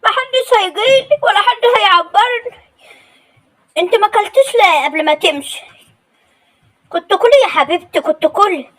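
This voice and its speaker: A woman's voice: very high-pitched, lively intonation, normal speed, long pauses, fairly bright tone. A woman playing a nagging, demanding older mother-in-law with an Egyptian accent, scolding and complaining in a comedy sketch. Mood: sulky.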